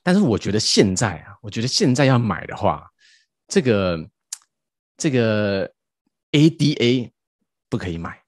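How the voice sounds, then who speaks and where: A man's voice: fairly low pitch, very animated, unhurried, pauses often, dry recording, studio quality. A man quoting a confident older Thai masseuse. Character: Thai woman masseuse, late fifties, confident crypto investor.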